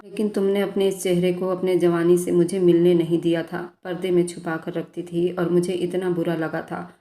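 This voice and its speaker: A cruel, possessive young man who taunts in a level, menacing tone, as a woman reader puts him on. The voice sits low, dark and mellow, with little rise or fall. A roomy echo hangs around it. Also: close to an everyday voice. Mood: mocking. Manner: menacing, mocking, flat delivery. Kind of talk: storybook narration.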